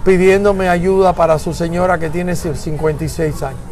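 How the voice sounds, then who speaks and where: A man's voice: a little high, steady tone, normal speed, a little mellow, soft background music. An older man from Florida in a conversational interview, talking emphatically and searching for words, at times slipping into English. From Florida, United States.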